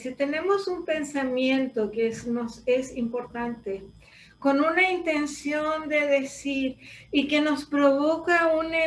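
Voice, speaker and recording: A woman voice teacher, explaining things thoughtfully with pauses in a reflective conversation. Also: high voice, reverberant, recorded from a distance, slight background noise, low-quality recording.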